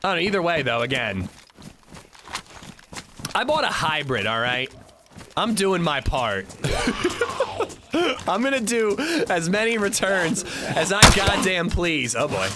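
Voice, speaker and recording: A man from Pennsylvania, a streamer talking casually with chat while playing a game, animated and swearing freely. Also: a little high, takes it slowly, long pauses, background noise. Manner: animated, profane, reacting to chat. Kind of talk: casual gaming livestream chat.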